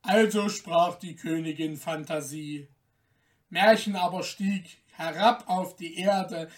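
A woman narrating a fairy tale in a measured, lilting storybook manner, recorded from a distance. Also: lowish voice.

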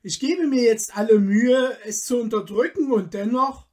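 A man's voice: very high voice, normal speed, darkish tone, voice pushed up. A man voicing a poor, frightened young man in a storybook reading, anxious and pleading.

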